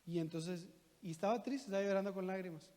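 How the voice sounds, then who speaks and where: A man's voice: sits high, fast talker, a little mellow. A man preaching a sermon as pastor, talking conversationally and asking the congregation rhetorical questions. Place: church hall. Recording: long church reverb.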